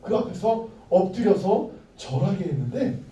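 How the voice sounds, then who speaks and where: A man telling a bible story to children as their pastor, playful and animated, asking the kids questions as he goes. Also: high voice, moderate pace. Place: church hall. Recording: echoey room, mic far off.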